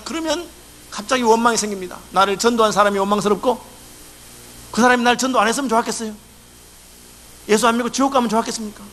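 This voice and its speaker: A man's voice: high voice, bright, forceful tone, a little hiss or hum. A male pastor preaching a sermon in a church, acting out complaints in dialect. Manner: acts out quoted complaints in dialect. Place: church sanctuary.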